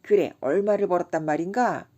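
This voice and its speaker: A woman's voice: fairly low pitch, brisk, warm tone, dull audio, close to an everyday voice. A woman voicing a wary, scolding middle-aged male drinking companion in an audiobook. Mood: skeptical. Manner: scolding, skeptical.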